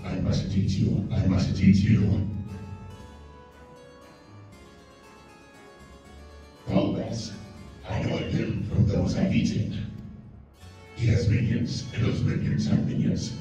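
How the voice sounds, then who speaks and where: A man reading a game's lines through a voice changer that morphs his voice, playing a hungry monstrous servant creature in a whispery, breathy way. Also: low-pitched, steady tone, unhurried. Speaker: streamer voicing game characters. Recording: heavy echo, distant, game music behind.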